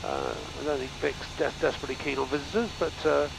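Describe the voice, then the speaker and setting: A male flying instructor with a very creaky, fairly high-pitched voice explains things casually and haltingly, keeping his intonation fairly even. He speaks through a headset in a small cockpit. The clear drone of the aircraft engine fills the noisy background.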